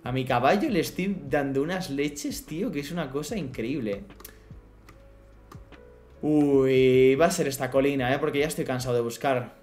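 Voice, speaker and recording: A man's voice: medium pitch, normal speed, a little mellow, soft background music. Playful streamer man chatting. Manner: chatty, playful, talks to his pet horse and the chat. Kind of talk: casual live gameplay chat.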